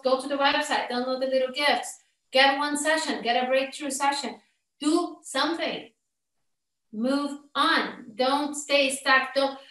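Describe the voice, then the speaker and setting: An animated woman coach talks as a podcast guest, slipping into little acted-out scenes. Her voice sits fairly high. She sounds a bit distant from the mic in an echoey room. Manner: animated, acts out everyday scenes. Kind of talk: podcast interview.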